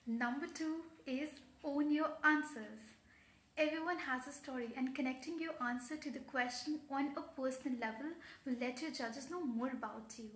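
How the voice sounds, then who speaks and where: A young woman with an Indian accent speaks in a high voice, with the poised, earnest delivery of a pageant contestant answering judges. She is giving instruction in a formal, carefully worded way. The sound is roomy and echoing. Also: normal speed, fairly bright tone. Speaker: pageant coach giving tips.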